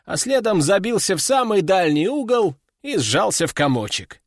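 A man narrating a first-person audiobook in a lively storytelling manner, close to the mic. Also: sits high, normal speed, dry recording.

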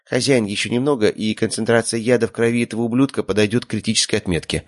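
A man's voice: on the low side, fairly even intonation, quick pace, voice pushed up, lightly acted. A man voicing a male astral rat familiar who advises his master in a raised, thin, strained voice. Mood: matter-of-fact.

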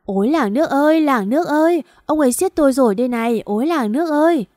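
A woman's voice: expressive, quick pace, darkish tone, dry recording, clean studio sound. A woman reading an audiobook and voicing a bitter, shrewish older woman who shrieks accusations. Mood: wailing. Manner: shrill, wailing accusations.

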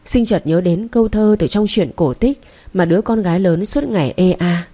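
A woman narrating a story in a steady, measured way. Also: fairly low pitch, breathy edge. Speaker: audiobook narrator.

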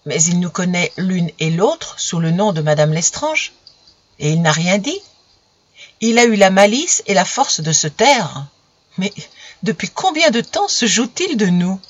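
A narrator voicing a young woman, jealous and indignant, who fires sharp accusing questions in an audiobook. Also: fairly low pitch, animated, unhurried, dry recording, dull audio. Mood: brooding. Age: young adult. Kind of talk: audiobook character voice.

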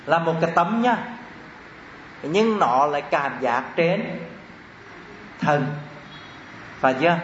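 A man teaching a Buddhist doctrine class, asking the room questions and chanting terms slowly. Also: fairly high pitch, expressive, a bit bright. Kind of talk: classroom dharma lesson. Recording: echoey room, dull lo-fi sound, faint hiss.

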